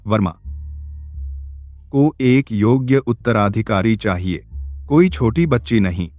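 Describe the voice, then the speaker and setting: A stern family patriarch. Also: male voice, fairly low pitch, slow, a little mellow, faint music behind. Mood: grave. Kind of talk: dubbed drama dialogue.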